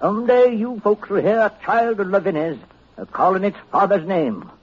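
An actor playing a half-insane old New England country wizard, boastful and secretive, in 1940s radio style with rustic dialect. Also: male voice, high voice, lively intonation, moderate pace, breathy edge. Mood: sly boasting. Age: older. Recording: dull vintage radio recording.

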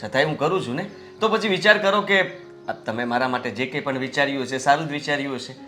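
A man's voice: medium pitch, fast, pushed and bright, faint music behind, natural voice. An actor playing an obedient young son who pleads earnestly and respectfully with his father. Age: young adult. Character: obedient young son working in family office.

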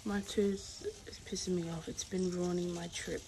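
A young adult woman chatting informally to a vlog audience in a drowsy, low-key way, on a handheld phone. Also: flat delivery, moderate pace. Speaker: vlogger. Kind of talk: casual vlog chat. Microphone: phone at arm's length. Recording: noisy handheld phone recording, ambient sounds.

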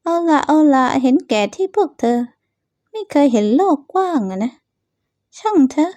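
A spiteful rich girl from a dubbed manga story, played by a woman with a high, sharp, sing-song voice that needles and gloats. She sounds smooth and mellow rather than harsh, and the recording is close and dry. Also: big pitch swings, normal speed, no room sound. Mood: smug. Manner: taunting, smug, sing-song. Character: scheming spiteful young woman, rich bully.

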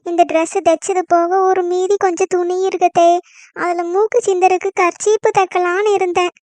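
A woman's voice: very high voice, level tone, moderate pace, a little mellow, dry recording. A woman voicing a scheming young wife in a cartoon comedy, plotting in sly asides and putting on tearful complaints. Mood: aggrieved. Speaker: daughter-in-law.

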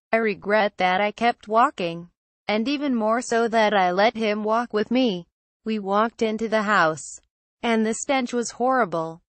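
A woman reading a horror story aloud in a steady, somber storytelling manner. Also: mid-range voice, no echo. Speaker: narrator.

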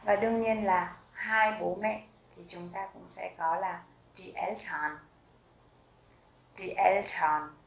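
A woman teaching vocabulary, repeating each word slowly and carefully. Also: fairly low pitch, fairly even intonation, creaky, roomy sound, a little hiss or hum, rough recording. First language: Vietnamese. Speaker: German language teacher. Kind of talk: vocabulary lesson with slow repetition.

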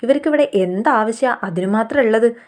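A woman's voice: fairly high pitch, moderate pace, darkish tone, lightly acted. A Malayali woman reading out the lines of a haughty, rich middle-aged mother-in-law who sneers at poor people. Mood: scornful.

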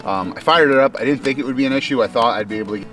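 A man in his thirties, outdoors in a snowy yard, casually explaining a homestead task step by step in a relaxed, thinking-aloud way. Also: medium pitch, very fast. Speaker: homesteader vlogger. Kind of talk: casual how-to narration. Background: background music.

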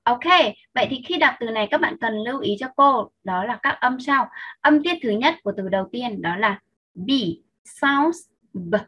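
A Vietnamese-accented woman teaching English, her voice fairly high and a little husky, patiently repeating each sound for young learners. The recording sounds dull and lo-fi. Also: expressive, fairly bright tone. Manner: patient, slow and clear, repeating sounds for children. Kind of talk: online vocabulary lesson.

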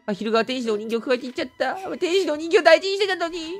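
A man's voice: very high-pitched, animated, rapid-fire, fairly bright tone, faint music behind, voice pushed up. A man voicing a timid young girl who doubts herself, with a small hesitant voice. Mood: flustered.

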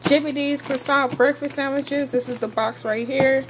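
Young woman vlogger rambling through her grocery haul, kinda high voice, phone cam in the kitchen, noisy background. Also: fairly even intonation, moderate pace. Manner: casual, chatty, addresses viewers as y'all, lists items with many fillers. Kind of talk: casual grocery haul walkthrough. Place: home kitchen, indoors.

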